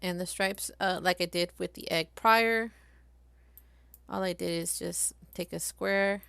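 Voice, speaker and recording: A woman live-streaming a craft software tutorial, chatty and thinking aloud as she works. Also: on the low side, fairly even intonation, a little slow, creaky, clean tone, no room sound.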